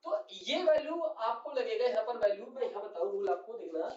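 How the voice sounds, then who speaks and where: A man's voice: sits high, expressive, brisk, a little mellow. A male teacher giving a chemistry lesson, calling his students "beta" and often checking that they follow. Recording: echoey, distant, dull sound.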